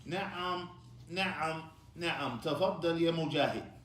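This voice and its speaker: A man's voice: a little high, measured pace, a bit bright, a little hiss or hum. A man teaching an Arabic class in a mosque, patiently prompting and correcting his students. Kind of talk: classroom lesson, mixing Arabic and English. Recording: echoey room.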